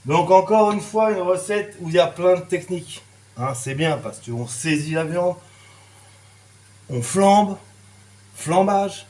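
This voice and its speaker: A man's voice: high-pitched, animated, takes it slowly, pauses often, darkish tone. A man from France giving a casual cooking demonstration in a kitchen, chatty and full of little verbal tics and sound effects. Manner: chatty, lots of "hein" and "voilà", sound effects. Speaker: cooking teacher. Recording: echoey kitchen, sizzling pan. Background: frying and sizzling.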